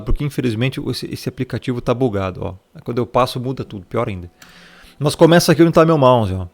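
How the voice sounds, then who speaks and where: A man teaches scripture in a relaxed Bible study, walking through it point by point. His voice has a gravelly rasp and sits at an ordinary middle pitch. He keeps it conversational, often tossing in little tag questions and calling the listener brother. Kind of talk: casual Bible study explained over a shared screen.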